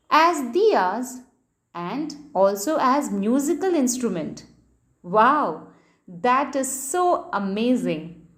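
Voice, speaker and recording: A high-voiced woman leads a children's lesson. She reads slowly, her pitch rising and falling in a lively sing-song way. She speaks clearly, as if for young pupils. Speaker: teacher.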